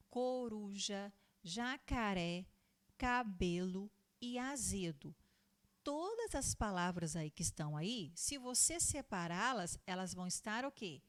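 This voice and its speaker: A woman, a primary school teacher giving a recorded lesson to young children, patiently repeating points, answering her own questions and drawing out words slowly. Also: mid-range voice, fairly bright tone. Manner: stretches out words slowly when spelling them out.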